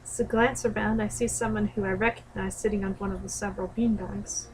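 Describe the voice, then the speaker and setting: A woman's voice: mid-range voice, fairly even intonation, brisk, a little mellow, rough recording. A young woman reading a visual novel aloud as a streamer, adding casual comments, sometimes stumbling over lines and rereading them. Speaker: let's play streamer.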